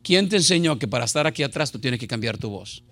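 A man's voice: medium pitch, animated, fast, a bit bright. A middle-aged male pastor preaching a sermon in an impassioned, conversational way, full of rhetorical questions.

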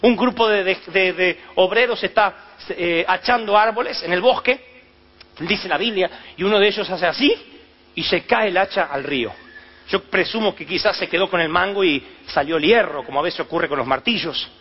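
A man preaching a sermon, telling the story with animated acted-out voices and shouts. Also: high voice, normal speed, highs cut off.

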